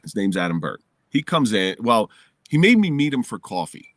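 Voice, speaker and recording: Recorded in the basement of his home, this middle-aged man from New Jersey shares a personal story as a podcast guest, lively and open. His voice is lowish at normal speed, with no room sound.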